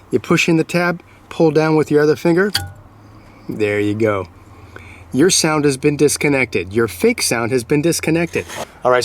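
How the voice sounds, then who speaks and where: A man hosting a casual car review vlog, chatting enthusiastically to the camera as he works on his car and drives it. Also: medium pitch. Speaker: car channel host. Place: in and around a car, outdoors and driving. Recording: distant camera mic with loud engine and road noise. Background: engine and road noise.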